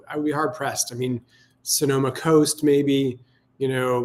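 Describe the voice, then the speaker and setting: A man hosting a tasting gives casual sommelier tasting notes, thinking aloud in a musing, halting, reflective way. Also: medium pitch. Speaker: wine tasting host.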